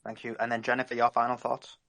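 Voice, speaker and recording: A man moderating a discussion panel, brisk and polite as he hands over the floor. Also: mid-range voice, monotone, creaky, fairly bright tone, no room sound. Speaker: host.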